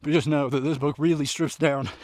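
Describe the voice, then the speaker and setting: A man's voice: a little high, steady tone, fairly quick, darkish tone, dry recording. A man, out of breath, talking casually in short phrases about books while running outdoors. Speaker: book reviewer vlogger. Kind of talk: casual book recap vlog recorded on a run. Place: outdoors at night.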